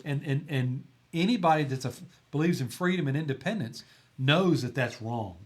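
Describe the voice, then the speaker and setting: Man, middle-aged, fairly high voice, earnest podcast guest who pushes his points and restarts often. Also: normal speed. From Tennessee. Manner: earnest, emphatic, stumbles and restarts. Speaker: podcast guest, volunteer chaplain. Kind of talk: conversational podcast talk.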